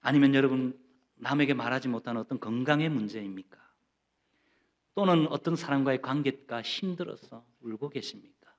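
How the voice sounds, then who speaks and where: A man's voice: mid-range voice, normal speed. A middle-aged Korean man preaching a sermon, emphatic, often putting questions to the congregation and acting out quoted voices. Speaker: pastor.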